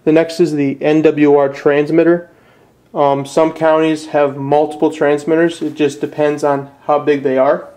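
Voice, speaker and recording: Indoors at a desk, a young adult from northern Illinois gives a plain-spoken, casual tutorial step by step, hesitating somewhat. The amateur presenter has a Midwestern American accent and a fairly high, darkish voice, with a level tone and a slightly slow pace.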